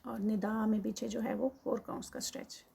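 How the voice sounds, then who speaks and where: A woman teaching Quran recitation. She chants verses slowly and drawn out, then explains the rules quickly, mixing in English counting terms. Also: a little high, little pitch movement, creaky, dark tone, husky. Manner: mixes English counting terms into her speech.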